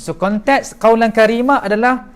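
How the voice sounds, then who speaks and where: A man's voice: very high-pitched, fairly even intonation, normal speed, clear, resonant tone. A man with a Malaysian Malay accent giving a classroom lecture, explaining step by step and asking the audience questions.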